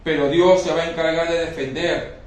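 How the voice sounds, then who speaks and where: A man's voice: fairly high pitch, steady tone, brisk, slight background noise. A man preaching a sermon emphatically, often asking the congregation whether they understand. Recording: very echoey hall, mic far off.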